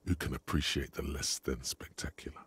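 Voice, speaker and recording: A man voicing a grave, omniscient inner-voice narrator in a video game, speaking in a slow, ominous and wry way. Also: extremely low pitch, steady tone, a bit bright, husky, dry recording, full character voice. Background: music.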